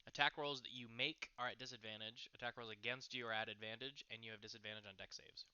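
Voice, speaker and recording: Bright, crisp-voiced male game master. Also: mid-range voice, fairly even intonation, quick pace, no room sound, lo-fi sound. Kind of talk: casual rules talk while running a game.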